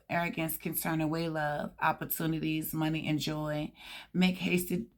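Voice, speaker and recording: A woman with a hoarse, scratchy voice giving a tarot card reading, reading out card meanings and chatting casually to her viewers. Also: sits low. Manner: reads card meanings aloud with chatty asides. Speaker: tarot reader.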